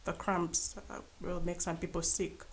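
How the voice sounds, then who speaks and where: A young woman guest in a casual podcast conversation, pausing and restarting as she talks. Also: lowish voice, monotone, slight background noise. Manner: hesitant, restarts often.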